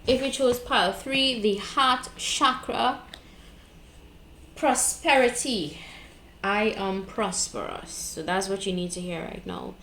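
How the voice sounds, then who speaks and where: A woman with a Trinidadian accent gives a tarot reading in a slow, medium-pitched, slightly bright voice, speaking bluntly and casually and often checking in with "okay?" and "right?". It's a casual spiritual advice monologue. The low-quality recording sounds roomy, with a little hiss or hum.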